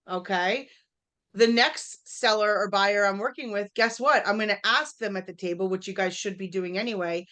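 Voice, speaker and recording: A woman leading a live real estate workshop. She talks straight to the room, quizzes her listeners and acts out short exchanges with clients. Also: medium pitch. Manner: energetic, talks straight to the audience, quizzes them; acts out quick dialogues with clients.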